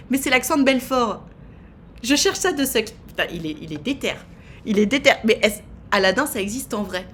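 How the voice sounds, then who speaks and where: A woman's voice: a little high, fairly bright tone. A woman in her thirties hosting a live stream, chatting casually in a teasing way with lots of fillers. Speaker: streamer host.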